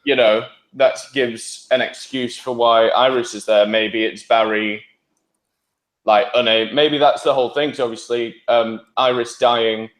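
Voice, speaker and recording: A man's voice: medium pitch, fairly even intonation, a little slow, fairly bright tone. A man chatting casually as a podcast panellist, with a roomy, echoing sound. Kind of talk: casual chat about TV shows.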